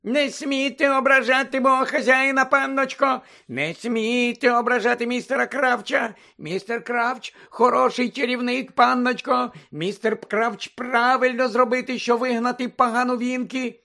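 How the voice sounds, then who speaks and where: A man voicing a shrill, loyal female house-elf. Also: steady tone, moderate pace, creaky, hardly any pauses, bright, forceful tone, heavily acted. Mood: shrieking. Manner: broken grammar, shrieking. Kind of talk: audiobook character voice.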